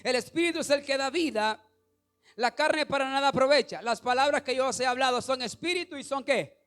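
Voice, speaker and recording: High-voiced preaching man, animated. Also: brisk, faint music behind. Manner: animated preaching, rising to shouts, asks the congregation questions. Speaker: pastor. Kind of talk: sermon.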